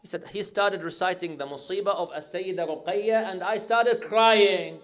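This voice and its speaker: Earnest, slightly high-voiced male preacher. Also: moderate pace. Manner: earnest, emotional retelling sprinkled with Arabic devotional phrases. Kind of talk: devotional sermon storytelling.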